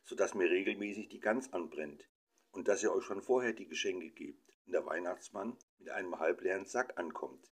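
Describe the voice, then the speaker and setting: A man's voice: sits low, normal speed. A man voicing a mother who coaxes and instructs her children in a soothing tone. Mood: coaxing. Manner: soothing, coaxing. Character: coaxing, teacherly mother.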